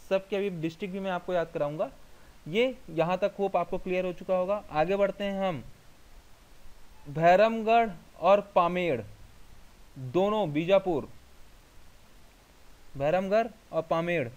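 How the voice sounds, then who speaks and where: A man teaching exam revision from slides, repeating memory tricks in slow, emphatic drills. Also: high-pitched, darkish tone, clear, resonant tone, highs cut off. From India.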